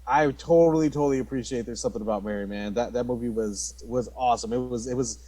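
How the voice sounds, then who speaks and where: A man's voice: medium pitch, quick pace, mellow, rough recording. A man co-hosting a podcast in laid-back casual chat, often saying "dude". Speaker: podcast co-host.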